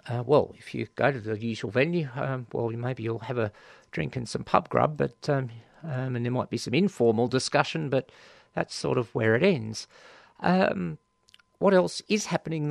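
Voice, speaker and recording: An Australian man hosts a community radio show, talking through notices in a relaxed, rambling way full of ums and little jokes. His mid-pitched voice has a gravelly edge. It sounds close and dry, straight into a studio mic. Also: no echo. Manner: chatty, hesitant with many ums, playful asides. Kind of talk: casual radio announcements.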